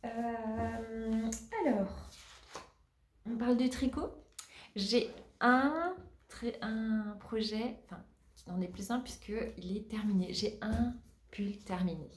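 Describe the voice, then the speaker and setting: A woman's voice: a little high, slow, long pauses. A woman hosting a knitting podcast in casual chat, hesitant with many fillers and restarts. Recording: roomy echo.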